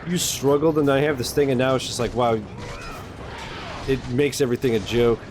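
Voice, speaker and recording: Game music and a noisy background accompany a man casually streaming his reactions to a game. He's blunt, slangy, and swears without holding back, though his medium-pitched voice keeps a steady tone at a normal pace.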